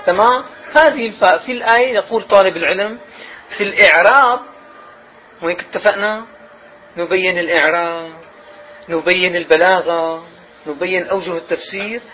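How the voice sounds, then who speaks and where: A male teacher of Arabic grammar and rhetoric gives a classroom lesson in a high voice, asking questions and drawing out key words for emphasis. The recording sounds slightly dull, with faint noise.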